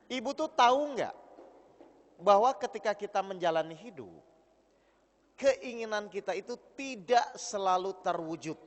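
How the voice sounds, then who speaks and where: High, lively male preacher in a hall. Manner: teasing, keeps questioning the audience. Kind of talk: interactive religious lecture. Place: gathering hall with an audience of women. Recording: long hall reverb.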